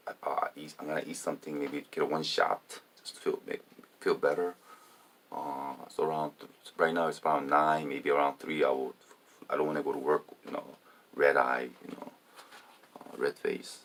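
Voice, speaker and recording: Super deep gravelly middle-aged guy, rambles on and on, faint hiss behind. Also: fairly bright tone. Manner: meandering, repeats himself, many fillers. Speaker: vlogger. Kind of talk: rambling personal monologue.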